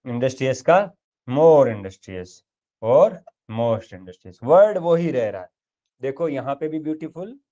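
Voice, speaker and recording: A man's voice: mid-range voice, mellow, lo-fi sound. A man teaching English grammar, stretching out each example word and checking in often with his listeners. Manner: explains step by step, says example words slowly and drawn out; checks in often with "thik hai" and "dekho". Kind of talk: grammar lesson.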